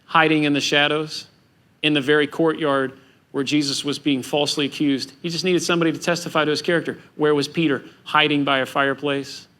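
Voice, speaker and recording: A man preaching a sermon as pastor, animated and acting out the voices of biblical figures. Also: on the high side, brisk.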